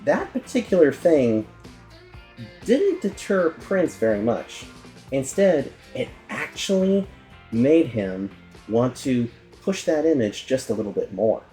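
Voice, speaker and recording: A man narrates a casual music-history episode as its host, his voice swinging widely up and down in a middle register. He keeps a chatty tone and corrects himself out loud. Faint music sits underneath. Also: medium pitch, sing-song, slow.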